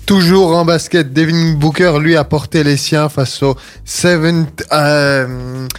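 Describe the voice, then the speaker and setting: A man's voice: on the high side, fairly even intonation, slow pace, soft background music. Man reading sports briefs on radio. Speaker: radio sports news reader.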